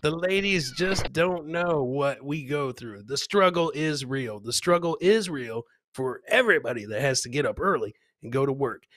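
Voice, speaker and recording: A middle-aged man hosts a live clip show from an indoor home streaming setup, speaking into a close boom microphone while wearing headphones. His mid-range voice is a bit bright with lively intonation, normal speed, few pauses and no echo. Like a hype announcer, he addresses viewers directly in casual livestream chat and commentary.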